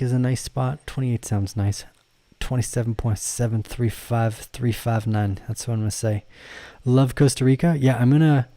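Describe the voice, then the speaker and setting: During a laid-back livestream, a male crypto trading host reviews charts and answers viewers by reading their comments aloud, laughing frequently and correcting himself as he wanders along. His voice is medium-pitched and dark, with no echo.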